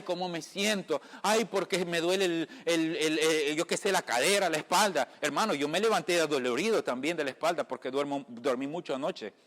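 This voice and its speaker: Caribbean guy preaching casually at a home meeting, slightly high voice, big echoey reverb. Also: a bit bright. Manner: conversational, often asks listeners if they follow; addresses listeners as brother. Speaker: lay preacher. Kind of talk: informal sermon. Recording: long reverb from a room.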